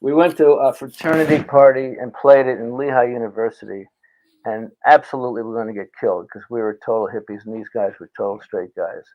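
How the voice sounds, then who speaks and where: Older american guy from philadelphia, dark relaxed voice, rambles through old stories as a guest. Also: medium pitch, a little fast, poor audio. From Philadelphia, United States. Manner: rambling storyteller. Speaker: interview guest. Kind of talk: casual anecdotal chat.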